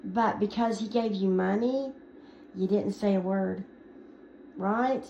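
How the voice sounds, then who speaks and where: A woman's voice: medium pitch, slow pace, creaky, warm tone, slight background noise. A woman ranting to the camera, scolding and sarcastic as she answers someone she is angry at. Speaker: commentary vlogger. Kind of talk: angry response rant to camera. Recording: echoey lo-fi recording with faint ambience.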